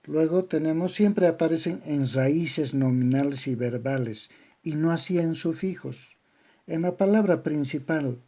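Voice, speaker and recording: A man with a Bolivian accent lectures like a patient teacher, listing sounds and syllables one at a time. His voice is dark and gravelly, a little higher than most men's, and he talks very slowly. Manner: spells out syllable patterns slowly, word by word. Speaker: language teacher. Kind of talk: slow didactic lecture on grammar.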